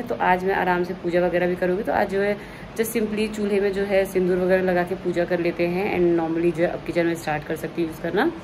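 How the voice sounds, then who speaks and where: A woman's voice: on the low side, noisy background. Chatty young woman vlogging at home. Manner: chatty, mixes English words into Hindi. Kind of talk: casual vlog chat.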